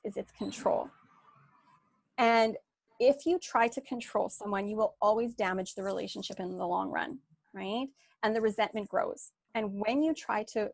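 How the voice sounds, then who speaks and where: A woman's voice: mid-range voice, vocal fry, dry recording. A woman life coach giving a candid online workshop talk, telling her story with many "you know"s and "like"s over a video call.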